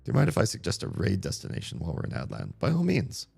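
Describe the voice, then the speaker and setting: This thirties-aged streamer has a fairly low, gravelly, husky voice that is a little mellow, with wildly swooping pitch and fast delivery, and faint music plays behind him. Chatting casually as he plays, he rambles in a relaxed way with many fillers while his voice fades.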